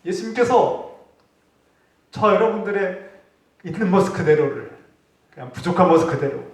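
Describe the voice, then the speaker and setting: Preaching pastor in an echoey church. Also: male voice, high-pitched, expressive, moderate pace. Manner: earnest preaching, voice rising for acted rebukes, dropping for quiet points. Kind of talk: sermon. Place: church sanctuary. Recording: echoey hall, distant mic.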